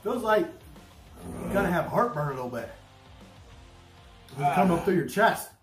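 Echoey, animated reactions while eating sour candy. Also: mid-range voice, measured pace, faint music behind. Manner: swearing, blunt. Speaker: challenge video participant.

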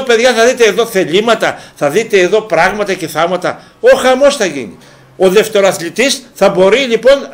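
Local TV sports host, man from Greece, high voice, animated ranting commentary full of rhetorical questions. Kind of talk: casual talk-show commentary. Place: local TV studio.

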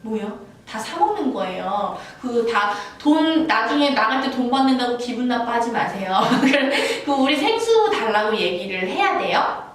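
A woman's voice: fairly high pitch, big pitch swings, normal speed. Chatty woman teaching phrases in a roomy space. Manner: chatty, playful, acts out little scenes with laughs. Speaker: Chinese language teacher. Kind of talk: casual language lesson. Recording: roomy, from a distance, faint background noise.

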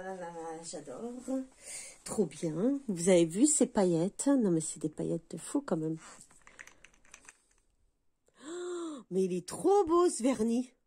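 A woman's voice: a little high, a little mellow. A middle-aged woman from France chatting casually as she unboxes beauty products, full of enthusiastic exclamations. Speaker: beauty vlogger.

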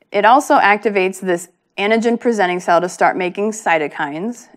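A woman research scientist giving a patient, plain-spoken public lecture, with frequent ums. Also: medium pitch.

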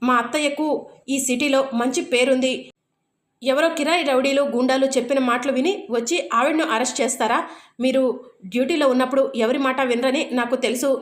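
A defiant young daughter-in-law who argues back firmly, read out by a woman in her own high voice. The room adds a clear echo. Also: steady tone, fairly quick, natural voice.

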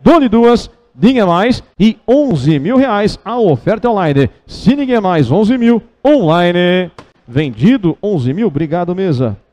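A Brazilian man working as an auctioneer, calling bids in a rapid, repetitive auction chant with rhythmic, insistent runs of figures. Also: high voice, sing-song, mellow. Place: car auction with a live and online audience.

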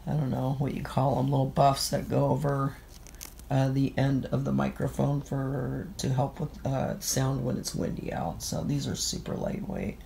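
A woman's voice: a bass voice, completely flat delivery, normal speed, gravelly, dark tone, a little hiss or hum. A middle-aged woman with a stuffy, nasal voice, sniffling with a bad cold as she talks casually through a gear vlog. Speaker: vlogger. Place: indoors in a room at home.

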